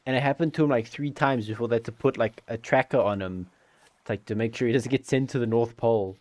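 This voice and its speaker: A man's voice: mid-range voice, fast talker, darkish tone, no room sound. A man chatting casually and joking with friends while playing a game, rambling with lots of fillers. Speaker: gaming channel host. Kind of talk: casual gameplay chat with friends.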